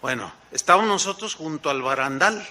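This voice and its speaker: A man preaching a sermon with a Mexican accent, telling a lively personal story and often checking in with his listeners through questions. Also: a little high, brisk. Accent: Mexican Spanish. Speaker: pastor.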